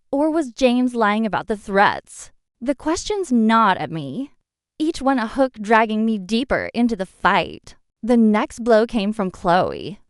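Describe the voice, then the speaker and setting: A woman narrating a dramatic first-person revenge story in an expressive storytelling manner. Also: on the high side, no echo, studio quality.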